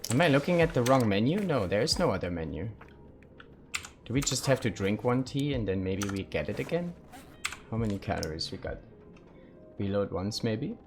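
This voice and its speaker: Low-voiced man streaming a survival game. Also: sing-song, normal speed, pauses often, soft background music. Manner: casual, thinking aloud, chatting with viewers. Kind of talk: live game commentary.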